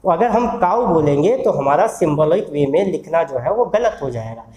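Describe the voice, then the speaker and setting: A man's voice: fairly high pitch, lively intonation, normal speed, darkish tone, reverberant, low-quality recording. A man teaching English phonetics in a recorded lecture. He explains step by step, asking the class questions and answering them himself.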